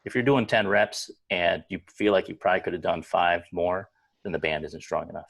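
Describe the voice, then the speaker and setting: A man's voice: low-pitched, fairly even intonation, brisk, vocal fry, fairly bright tone. A man coaching on a video call, explaining exercises plainly and repeating words as he restarts. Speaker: fitness coach. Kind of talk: casual instruction on a video call.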